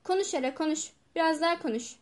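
A woman reading the part of a coarse male hospital guard who gives slow, curt orders in an audiobook. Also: very high voice, voice pushed up. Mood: stern.

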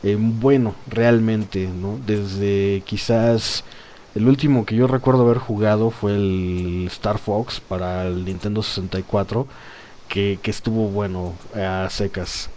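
A man hosting a podcast, chatting casually about games, animated and laughing often, with plenty of fillers. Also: on the low side, measured pace, a little hiss or hum. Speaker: podcast host. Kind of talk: casual gaming chat.

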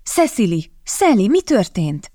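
A woman voicing a determined young woman and older sister in an audiobook, speaking in sharp, alarmed exclamations. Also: mid-range voice, big pitch swings, no room sound, clean studio sound. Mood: urgent.

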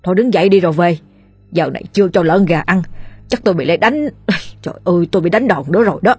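A woman's voice: fairly low pitch, fast, darkish tone, slightly rough, no room sound, faint music behind. A woman voicing a cheeky, shameless old man who chatters and nags. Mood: nagging. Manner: chattering and nagging.

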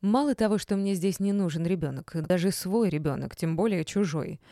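A woman's voice: on the low side, moderate pace, mellow, no room sound. A woman giving first-person audiobook narration in a wry, dry storytelling manner.

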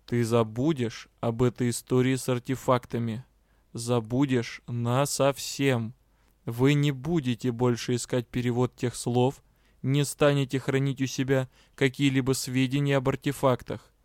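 A commanding male mage, cold and deliberate, with a sly teasing edge, as a male reader voices him. He speaks at a mid pitch, weighing his words. The reading is dry and close. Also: darkish tone, no room sound, lightly acted. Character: stern, sly male lord-director, a powerful mage. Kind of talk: audiobook character voice.

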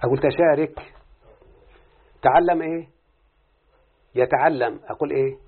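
With a slightly high, husky voice and fairly even intonation, an Egyptian-accented man talks at normal speed. He recites an Arabic morphology lesson as a student, taking it step by step in question-and-answer form and checking with his teacher, over a tinny, phone-like recording.

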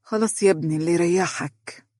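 A man voicing a sorrowful older mother who gives in quietly, with an Egyptian accent. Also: on the low side, fast talker, slightly rough, dry recording, clean studio sound. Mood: sad. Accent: Egyptian Arabic.

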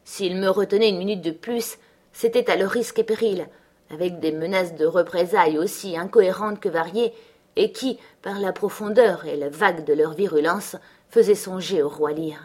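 A woman reading a novel aloud as an audiobook narrator, in measured, steady narration. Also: lowish voice, slightly rough.

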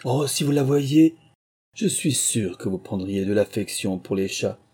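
A man's voice: fairly low pitch, animated, a little slow, mellow, slightly rough. A man voicing Alice, a curious and polite young girl, in a storybook reading, with a raised, eager and pleading tone. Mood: coaxing.

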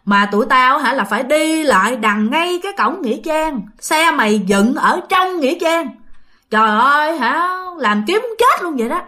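A woman voicing a gruff village shopkeeper who scolds and fires off questions. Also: high voice, lively intonation, normal speed, bright, forceful tone. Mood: complaining.

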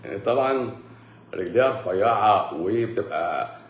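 A man's voice: on the low side, expressive, normal speed, echoey room, a little hiss or hum. A man with an Egyptian accent giving a casual medical talk, joking and teasing as he explains. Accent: Egyptian Arabic. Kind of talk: joking live lecture.

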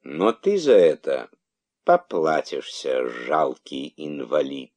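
A man's voice: lowish voice, animated, a little slow, darkish tone. A man voicing a proud, menacing python king in a storybook reading, speaking sternly and with threat.

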